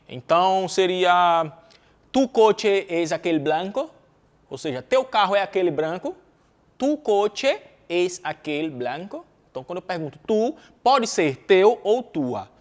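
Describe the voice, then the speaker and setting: A Brazilian man with a Brazilian Portuguese accent teaching an exam-prep grammar lesson. He asks himself rhetorical questions, answers them, repeats key words and keeps checking in with "ok?". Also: high-pitched. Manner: checks in constantly with "ok?" and "né?". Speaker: Spanish teacher.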